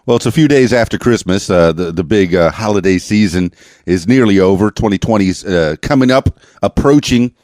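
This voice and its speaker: A man hosting a podcast interview, talking with many halting fillers and restarts. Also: lowish voice, a little mellow, dry recording, clean studio sound. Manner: halting, filler-heavy, chuckling. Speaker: podcast host. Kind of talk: casual interview.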